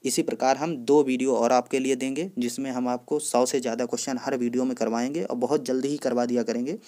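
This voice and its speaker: A man teaching an exam-prep spelling lesson in a steady, instructive way, repeating set drill phrases. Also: medium pitch, fast talker.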